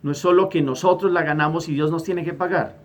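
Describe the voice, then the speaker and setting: A man's voice: on the high side, fairly even intonation, fairly quick. A middle-aged man preaching a gospel homily as a priest, emphatic and repeating words as he searches for phrasing. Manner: acts out quoted prayers with a raised, louder voice.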